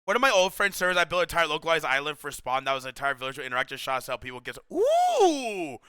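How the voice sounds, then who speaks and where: A young man chatting casually with his stream viewers, excitable and slangy, saying "bro" a lot and laughing often. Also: on the high side, fast talker, smooth, no room sound.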